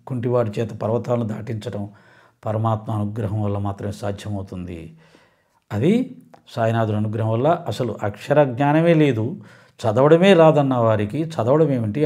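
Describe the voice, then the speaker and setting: A man's voice: medium pitch, dark tone. A man giving a devotional discourse, telling a story earnestly and acting out the quoted speech of its people. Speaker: spiritual speaker.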